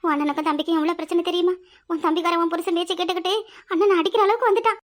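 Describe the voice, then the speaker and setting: A woman voicing a protective, scolding village mother with a Kanyakumari Tamil accent in a cartoon, firing quick questions. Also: very high-pitched, fairly even intonation.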